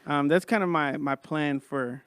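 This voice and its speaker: A man's voice: a little high, a little slow, a bit bright, clean tone, no room sound. A man hosting a podcast in a casual, informal chat, talking like he's among his bros. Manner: informal, says man and bro often. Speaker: podcast host.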